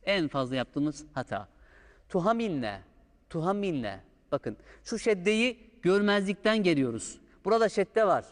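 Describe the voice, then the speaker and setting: A man teaching Quran recitation, patiently drawing out sounds to show the correct pronunciation. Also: high-pitched. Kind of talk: step-by-step recitation lesson. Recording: long hall reverb.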